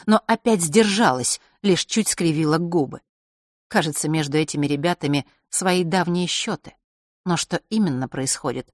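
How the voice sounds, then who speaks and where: A woman reading a fantasy audiobook as narrator, with expressive storytelling. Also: deep voice, dry recording, clean studio sound.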